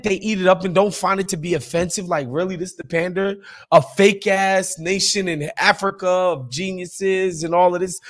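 A man co-hosting a podcast, talking in a casual, profane and emphatic way. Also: high voice. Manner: profane, animated, emphatic ranting. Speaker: podcast co-host. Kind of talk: casual chat.

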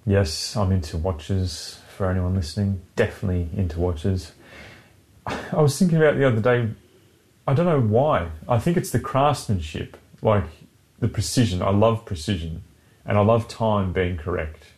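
A man with a very deep voice co-hosts a chatty podcast. He talks in a loose, sardonic way, dropping swear words freely. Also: animated, normal speed, darkish tone. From Britain. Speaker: podcast co-host. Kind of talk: casual chat.

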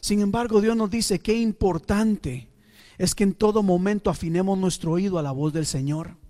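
High-voiced preacher in a reverberant hall. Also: male voice, mellow. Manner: preaching with dramatic pauses and English asides. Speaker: pastor. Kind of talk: sermon. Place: church.

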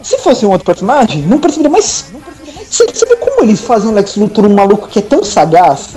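Mellow-voiced Brazilian podcast co-host. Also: medium pitch, very animated, soft background music. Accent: Brazilian, São Paulo slang. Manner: explanatory, quick, many fillers like "tipo" and "sabe". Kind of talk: casual chat about comics.

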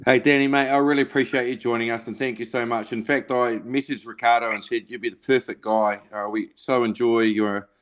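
A man's voice: mid-range voice, steady tone, brisk, hardly any pauses, lo-fi sound. A man asking long, casual questions as a panellist on a rugby show. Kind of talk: casual sports interview.

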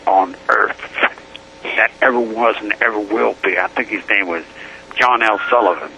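A man's voice: fairly low pitch, normal speed, creaky, bright, forceful tone. An older man calling in on a prison payphone line, rambling, chanting words over and over and laughing as he talks. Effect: heard over a prison payphone line. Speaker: prison inmate caller. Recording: muffled phone line, faint hiss.

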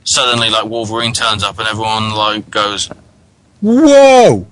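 A man's voice: on the low side, completely flat delivery, pushed and bright, clear, resonant tone, no room sound, low-quality recording. A man co-hosting a radio talk show, chatting casually with a wry, joking manner. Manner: chatty, wry, quick to joke. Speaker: podcast co-host. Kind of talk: casual chat.

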